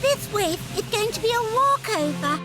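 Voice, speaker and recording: Casting: smug posh cartoon girl, gloating and haughty, animated pitch, music underneath. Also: moderate pace. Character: snobbish, smug posh little rich girl. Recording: music behind the dialogue.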